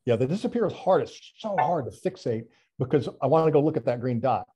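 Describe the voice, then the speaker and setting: A man with a husky, mellow voice talks through a presentation over a video call. His delivery is chatty and self-deprecating, full of restarts and little fillers as he thinks aloud. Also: mid-range voice, lively intonation, a little fast. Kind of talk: casual online talk presentation.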